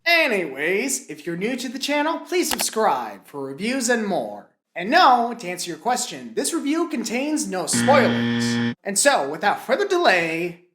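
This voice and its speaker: A woman's voice: medium pitch, wildly swooping pitch, measured pace, hardly any pauses. A woman reviewing a film in a scripted video, her voice still recovering from a cold, with playful jokey asides. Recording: echoey room with music.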